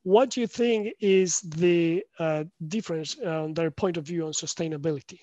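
A man's voice: fairly high pitch, normal speed, warm tone, no echo. A young man hosting a video call interview, asking questions hesitantly with many fillers. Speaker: podcast host. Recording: dull dry call audio.

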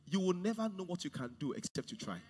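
A man in his forties preaching a sermon on a large church stage, swinging from hushed to loud. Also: high voice, big pitch swings, fast talker, in a large hall, noisy background. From Nigeria. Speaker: pastor.

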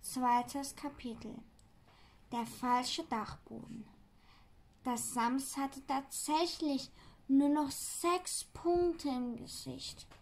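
A woman reading a children's book aloud, slowly and carefully. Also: high voice, steady tone.

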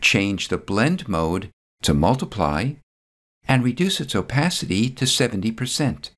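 A man voices a scripted, step-by-step software tutorial in a calm, methodical way. His voice sits on the low side and his pace is a little slow.

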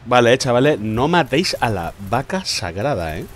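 A man's voice: mid-range voice, very animated, moderate pace, a little hiss or hum. Playful Spanish streamer man, teasing banter. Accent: Spain Spanish. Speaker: gaming streamer. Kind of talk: casual gaming commentary.

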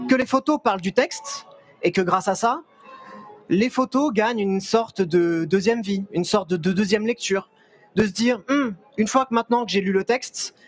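A young man talks to a fair audience from a stage, his high voice picked up by a headset mic. He is chatty and lively, often restarting his sentences and joking with the crowd. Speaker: photographer giving a talk. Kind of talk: live stage presentation. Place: stage at a trade fair, large indoor hall.

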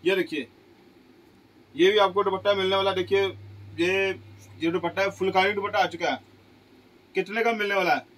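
A middle-aged man pitching goods in a small clothing shop, asking each price aloud and answering it with exclamations. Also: steady tone, normal speed, long pauses, a bit bright, poor audio. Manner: repeats prices as questions, exclaims "wah ji wah". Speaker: shop seller. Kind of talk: sales pitch.

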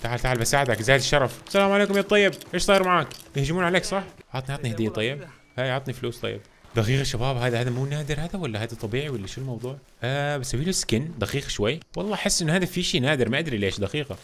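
A young man commentating his gameplay for viewers, reacting loudly and excitedly to what happens on screen. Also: mid-range voice, rapid-fire. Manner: reacts loudly to game events, addresses viewers as "guys". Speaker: gaming channel host. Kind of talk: excitable let's-play commentary.

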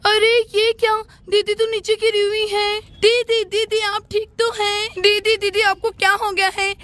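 A caring young woman, as a woman acts her in a doll-play story, asking with concern. Her voice is very high and bright, with a flat pitch. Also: a little slow.

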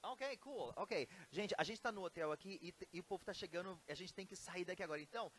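A man's voice: sits high, fast talker, a bit bright, slight background noise. A man, hosting in an upbeat, playful way. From Brazil. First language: Portuguese. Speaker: host. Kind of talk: casual video chat. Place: hotel room.

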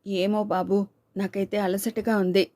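A woman voicing a gentle young wife, weary and full of guilt, in a soft and pleading way. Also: mid-range voice, level tone, unhurried, no room sound, natural voice. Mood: tired.

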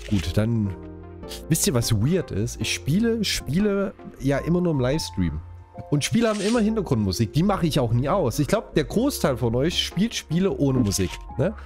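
Gaming YouTuber, man from Saxony, lively pitch, light music behind. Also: normal speed. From Saxony, Germany. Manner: chatty, jokey, talks straight to viewers. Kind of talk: casual let's-play commentary.

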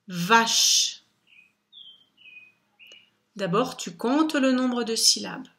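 A woman teaching young children phonics. She speaks at a very unhurried pace, spelling out each syllable with patient, careful articulation. Her voice sits a little higher than most. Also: a bit bright.

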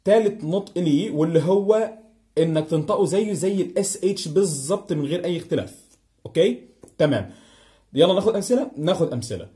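A man's voice: high voice, expressive, fast, mellow. A man speaking Egyptian Arabic, teaching English pronunciation and repeating each example word several times. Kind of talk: online pronunciation lesson.

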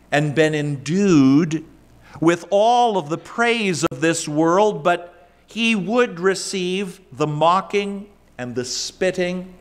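A middle-aged man preaching a sermon from a church lectern, swinging between hushed low phrases and raised emphatic ones. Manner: emphatic preaching with wide swings in pitch and loudness, gesturing. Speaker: pastor. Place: church sanctuary, indoors.

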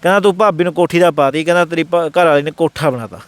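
A man rushes through his story as an interview guest, quoting everyone he talks about in earnest. His voice sits a little high and sounds clear and smooth, with words tumbling out quickly. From Punjab. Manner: rapid, earnest telling that acts out the others' words in quotes. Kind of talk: casual first-person storytelling.

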